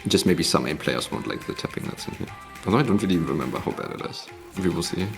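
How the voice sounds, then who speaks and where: A very low, creaky male voice with a cave-like echo from an empty meeting room. He hosts a gaming showcase with casual, informal live commentary, his pitch moving around a lot. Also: lively intonation, fast. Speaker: host of a tournament mappool showcase. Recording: echoey empty room, music behind.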